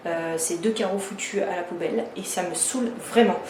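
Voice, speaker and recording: A woman's voice: on the low side, brisk, a little mellow, a little hiss or hum. Annoyed woman venting in an echoey bathroom. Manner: annoyed, venting with many fillers and restarts. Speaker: DIY renovation vlogger. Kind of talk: casual vlog talk. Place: bathroom under renovation. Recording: echoey room.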